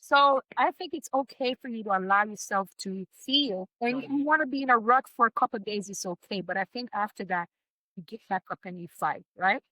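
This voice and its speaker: A woman on a podcast talking about her own illness, earnest and halting, with frequent restarts. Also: medium pitch, bright, forceful tone, dry recording. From United States. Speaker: podcast guest. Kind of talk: emotional personal conversation.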